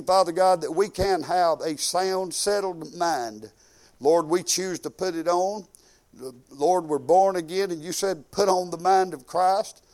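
An informal sermon with personal stories and prayer comes from a high-pitched Southern US man in his fifties. Conversational and folksy, he keeps exclaiming praise and swings emphatically between quiet asides and loud statements.

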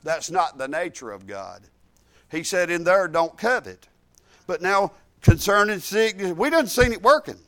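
A man's voice: sits high, very animated, unhurried, a bit bright. A middle-aged man giving a fervent, folksy church testimony, peppering his talk with hallelujahs. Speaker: church speaker. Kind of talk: sermon testimony.

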